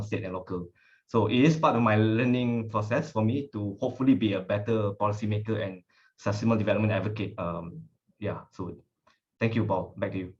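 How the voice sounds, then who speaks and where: A man, a policymaker and researcher, giving an earnest webinar presentation over a video call. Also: on the low side. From Malaysia. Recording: muffled video-call audio.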